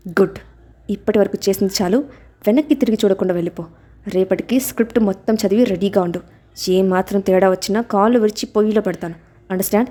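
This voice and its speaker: Woman doing a feisty young woman posing as a guy, sharp tongue, mellow tone. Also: mid-range voice, fast, voice pushed down, lightly acted. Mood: threatening. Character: fiery young woman disguised as a man.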